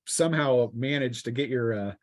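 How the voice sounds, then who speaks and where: A man with a mid-range voice serves as game master for a tabletop role-playing game, narrating and refereeing haltingly with plenty of fillers.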